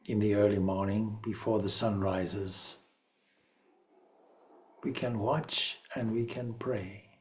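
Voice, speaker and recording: With a voice on the low side, a man guides a meditation as a spiritual teacher, keeping it calm and measured and leaving long pauses. The audio has a lo-fi quality.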